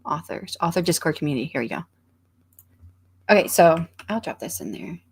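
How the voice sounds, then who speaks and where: A woman runs a focus livestream, chatting loosely and reading out viewers' comments with many ums and restarts. She speaks a little fast in a low, sing-song voice that's slightly rough.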